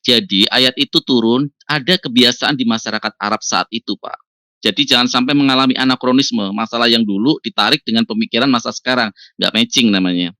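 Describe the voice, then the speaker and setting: A man explaining his view in an online voice room. His forceful voice is recorded dry and close. He speaks in a measured, explanatory way and keeps addressing the listeners courteously. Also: mid-range voice, no echo. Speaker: debater. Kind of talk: online religious debate.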